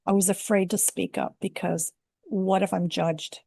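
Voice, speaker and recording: A woman's voice: medium pitch, fairly even intonation, unhurried, gravelly, dark tone, breathy edge, dry recording. An older woman from Canada, a life coach, telling her personal story earnestly and reflectively in an interview. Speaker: guest, women's life coach.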